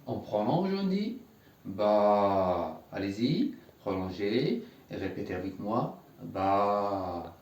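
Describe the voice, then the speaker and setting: A man's voice: on the low side, big pitch swings, a little slow, dark tone. A man teaching a lesson, patient and repeating words for learners to echo back. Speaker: Arabic teacher. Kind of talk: classroom lesson at a whiteboard. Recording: echoey room, voice from a distance.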